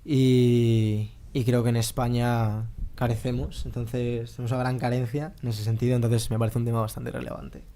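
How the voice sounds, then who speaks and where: Mellow-voiced young Spanish student. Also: male voice, mid-range voice, little pitch movement, normal speed, hardly any pauses. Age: 20s. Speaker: guest. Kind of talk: casual chat.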